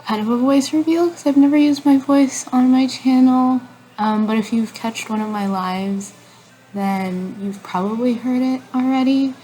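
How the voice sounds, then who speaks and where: A woman's voice: sits high, normal speed, dark tone, low-quality recording. A woman hosting her channel in a casual way, hesitant and full of fillers. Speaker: channel host. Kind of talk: casual vlog narration.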